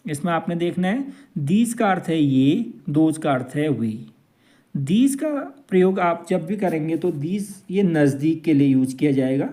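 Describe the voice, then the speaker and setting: A man's voice: on the high side, mellow. A man teaching an English grammar lesson, drawing out each example sentence. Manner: slow, drawn-out example sentences.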